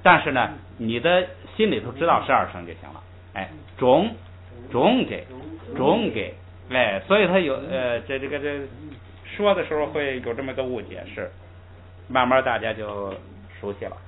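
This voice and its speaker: Male teacher, mid-pitched, patient step-by-step explainer; thin, lo-fi recording with faint background hiss. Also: expressive, moderate pace. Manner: patient, explains step by step and drills pronunciation aloud. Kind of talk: classroom language lesson.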